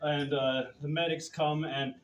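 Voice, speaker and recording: A man's voice: fairly high pitch, little pitch movement, unhurried. A young man doing stand-up on a club stage, telling a rambling, profane anecdote with chuckles. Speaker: stand-up comedian. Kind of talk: stand-up storytelling. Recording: roomy club with loud background noise.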